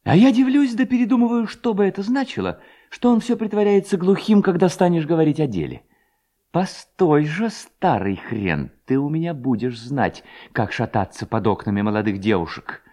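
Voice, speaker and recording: A man's voice: lowish voice, expressive, a little slow, few pauses, a little mellow. A man voicing a young village lad who mocks and schemes against the village head. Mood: mocking. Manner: mocking, scheming. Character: young male village lad, mocking and defiant.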